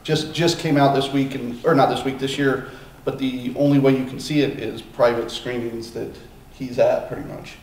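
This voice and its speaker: A man's voice: medium pitch, steady tone, normal speed. Chatty man on a distant echoey mic. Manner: rambling, lots of ums and uhs. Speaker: podcast host. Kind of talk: casual podcast chat. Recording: echoey room, distant mic, faint noise.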